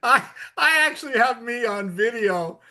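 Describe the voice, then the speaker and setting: A male podcast host with a high, bright, forceful voice chats casually with his guest. He jumps in eagerly with questions and quick agreement. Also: lively intonation. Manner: enthusiastic, quick interjections and questions. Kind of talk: casual interview chat.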